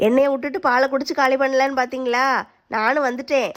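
A woman with a southern Tamil accent playing a brisk, haggling aunt in a family skit. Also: high-pitched, fairly even intonation, noisy background. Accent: southern Tamil Nadu. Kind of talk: family comedy skit acting.

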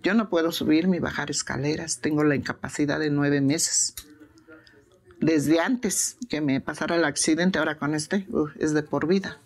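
Older Mexican woman, gravelly low voice, blunt and insistent. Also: steady tone, moderate pace. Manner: plain-spoken, insistent, repeats herself for emphasis. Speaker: interviewee. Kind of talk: emotional interview testimony. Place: prison.

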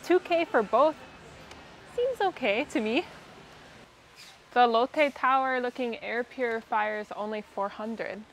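A young woman with a Minnesota accent talks her way through a casual vlog, chatty and wry, laughing easily. Her voice sits a little high. A faint hum of background noise runs under her. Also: slow, long pauses. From Minnesota, USA. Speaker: vlogger.

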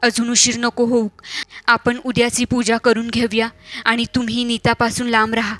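A woman voicing a calm older village woman who performs rituals, coaxing and soothing, with a Malvani accent. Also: fairly high pitch, moderate pace, natural voice.

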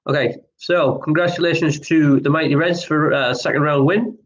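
A man hosting an online pub quiz, reading each question twice and chatting between rounds in a relaxed, apologetic way. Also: fairly high pitch, normal speed, highs cut off, slight background noise. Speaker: quiz host.

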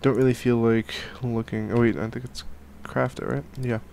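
A young man with a mid-range, slightly mellow voice and some vocal fry speaks at normal speed with a flat delivery. As a gaming channel host catching a cold, he rambles through casual Minecraft let's play commentary from his home gaming room, full of fillers and restarts. A headset and a studio mic at his desk capture him.

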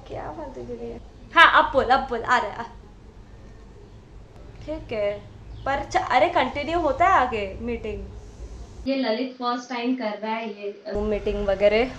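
Young woman, casual vlog chat, slightly high voice, faint room noise. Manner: chatty, talks to camera while setting up. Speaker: vlogger. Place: at home indoors.

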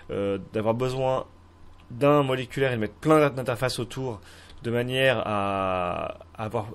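A man's voice: medium pitch, clean tone. A man with a French accent hosting a casual game tutorial, talking hesitantly with many fillers and restarts. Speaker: Minecraft mod tutorial host. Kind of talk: casual screen-recorded tutorial.

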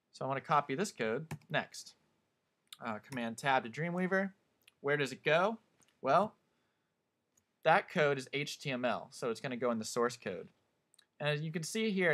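Calm man explaining software steps. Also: medium pitch. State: hiccups. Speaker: teacher. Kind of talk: screen-recorded software tutorial.

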